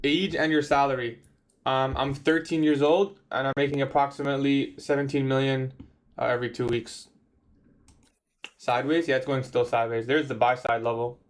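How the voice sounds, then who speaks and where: Speaking at a normal speed with fairly even intonation and a mid-range voice, a twenty-something trader chats casually on his livestream. He handles viewer questions in a laid-back, slangy way, dropping "bro" often.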